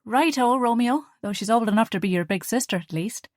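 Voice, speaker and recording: A woman reading the part of a young female student and caring older sister in an audiobook, earnest and expressive. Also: a little high, a little fast, no room sound, clean studio sound, voice pushed up, close to an everyday voice. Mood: teasing.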